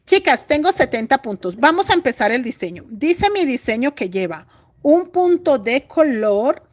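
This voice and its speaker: A woman's voice: sits high, sing-song, normal speed. A middle-aged Colombian woman teaching crochet on a live stream, chatty and confiding, thinking aloud as she stitches. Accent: Colombian Spanish. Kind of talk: live-stream craft tutorial.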